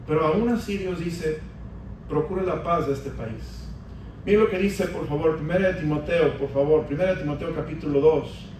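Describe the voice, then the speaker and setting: A man's voice: fairly high pitch, normal speed, a little mellow, a little hiss or hum. A man preaching a sermon as pastor, rising into emphatic stretches as he calls on the congregation. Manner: preaching with emphatic rises, addressing the congregation as brothers. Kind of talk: Spanish-language sermon. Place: large church hall. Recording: echoey church hall from a distance.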